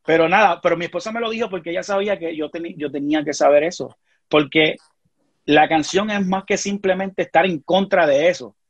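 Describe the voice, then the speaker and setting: A middle-aged man with a Puerto Rican accent speaks in a husky, fairly high voice, recorded close and dry. He talks as a guest in casual conversation, telling a personal story earnestly and keeps checking that the listener follows. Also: brisk, dry recording, muffled recording. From Puerto Rico.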